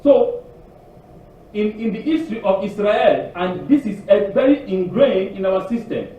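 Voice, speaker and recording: A man preaches a sermon to a congregation, emphatic and repetitive, frequently restarting his words. His high-pitched voice swings widely in pitch and runs a little slow. The recording is dull and echoey, captured from far off in a congregation hall.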